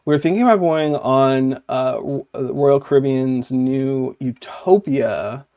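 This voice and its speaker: A man chats casually as a podcast co-host, with a voice of ordinary pitch. His talk wanders and leans on "like," and he often stops to fix what he just said. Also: slow pace, warm tone. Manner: chatty and rambling, often saying "like" and correcting himself.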